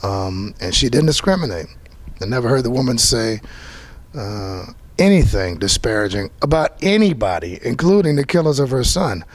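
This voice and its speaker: A man's voice: mid-range voice, big pitch swings, normal speed. Earnest man reflecting after a show. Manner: earnest, reflective, frequent restarts. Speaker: playwright. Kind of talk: post-show talkback interview. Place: theater after a performance.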